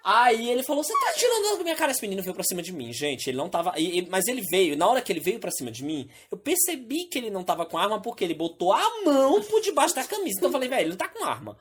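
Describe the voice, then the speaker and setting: A young woman telling a story in casual chat, animated and often laughing. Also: mid-range voice, very fast, few pauses, husky. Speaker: group chat participant.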